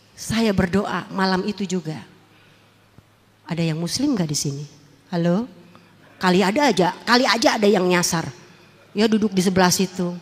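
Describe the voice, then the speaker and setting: A woman from Indonesia, giving an animated testimony talk to an audience, acting out prayers and cries. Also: a little high. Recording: long hall reverb.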